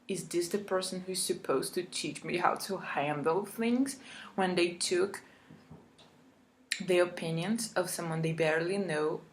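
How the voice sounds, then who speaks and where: A woman's voice: lowish voice, fairly bright tone, slight background noise. Exasperated woman venting on camera. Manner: frustrated, exasperated, lots of "like". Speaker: vlogger. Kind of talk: casual rant vlog.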